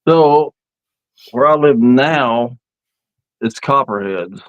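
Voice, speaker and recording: Taking it slowly, a man in his fifties chats about camping on an outdoor live stream, his mid-range voice wandering through folksy stories. The recording has no room sound and a lo-fi quality.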